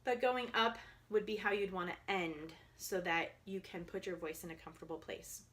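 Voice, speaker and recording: A young adult woman voice coach calmly guiding listeners through vocal exercises, sometimes demonstrating. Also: on the low side, normal speed. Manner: calm, guiding, demonstrates vocal slides and counts. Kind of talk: instructional voice exercise video.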